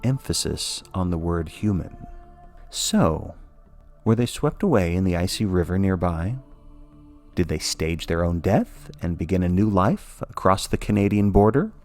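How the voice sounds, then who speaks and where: A man narrating a scripted spooky podcast story in a measured, wry manner. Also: sits low, lively intonation, darkish tone, faint music behind.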